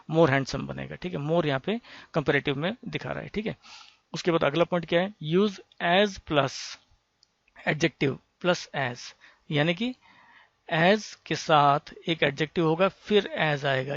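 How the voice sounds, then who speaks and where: A man teaching grammar, reading example sentences slowly and checking in with "okay" after each point. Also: on the high side, gravelly, fairly bright tone, dry recording. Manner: repeats "ठीक है" often, reads English examples slowly. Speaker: English teacher. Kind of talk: explaining grammar slides. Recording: dull lo-fi dry sound.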